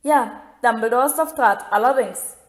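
A woman's voice: a little high, moderate pace, lightly acted. A woman reading aloud as a proud, chatty boy schoolfriend.

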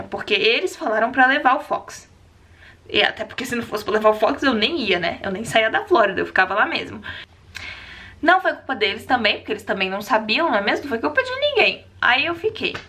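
A young woman tells a personal story to the camera in a casual vlog. Her voice is bright and a little high, and she gets animated, acting out the people she quotes. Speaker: vlogger.

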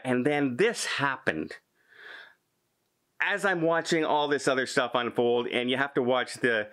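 A man's voice: mid-range voice, fairly bright tone. A man in his fifties from Canada, a travel vlogger telling an exasperated story straight to camera, gesturing as he retells an argument.

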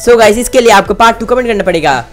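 A man narrating a game video, excitedly urging his viewers to comment and subscribe. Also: high-pitched, quick pace, soft background music. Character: young male tiger hero, brave and angry. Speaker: gaming YouTuber. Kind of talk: game commentary with role-play.

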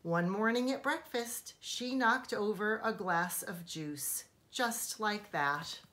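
A woman teacher reading a children's storybook aloud in a deliberate, expressive, emphatic way for young listeners. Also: mid-range voice, a little hiss or hum.

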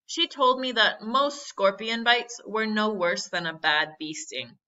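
During a read-aloud storytime, a woman teacher reads a children's book expressively in an unhurried, mid-range voice that sounds pushed and bright, stopping to explain things and ask questions. The recording is muffled and lo-fi.

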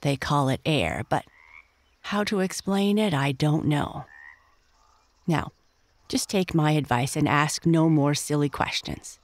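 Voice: mid-range voice, expressive, takes it slowly, long pauses. A storyteller voicing a pompous, bossy old male frog in a bedtime story, talking in a lofty, lecturing way. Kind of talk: storybook character voice.

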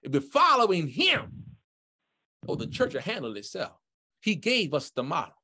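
A man's voice: moderate pace, husky. A man preaching as a pastor in a church sanctuary, calling out to the congregation with rising fervor. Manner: singing then preaching with rising fervor, lively pitch. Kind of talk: sermon with sung opening and altar call.

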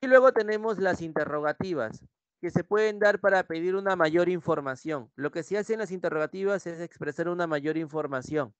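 Male Peruvian Spanish teacher, young adult, slightly high voice, dry close sound, repeats points and asks "right?" often. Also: a little fast, smooth, no room sound. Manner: repetitive, checks in with students using "¿sí?". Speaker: pre-university language teacher. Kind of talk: online class lecture.

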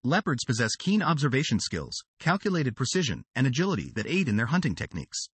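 A man's voice: medium pitch, big pitch swings, quick pace, a bit bright, slightly rough, no echo. A man narrating a wildlife documentary script with a dramatic, sweeping delivery.

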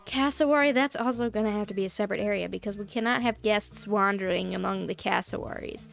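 A woman's voice: medium pitch, fast talker, creaky, a bit bright, soft background music. A woman giving casual, chatty let's-play commentary while building in a game, laughing often and talking through hiccups. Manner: giggly, chatty, frequent laughter. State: hiccuping, voice strained. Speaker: gaming YouTuber.

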